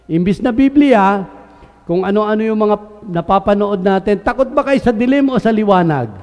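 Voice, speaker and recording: A man's voice: high-pitched, animated, normal speed, a little mellow. A man preaching a sermon, asking his congregation questions and answering them himself, moving between Tagalog and English and acting out quoted voices. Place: church hall. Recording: reverberant hall.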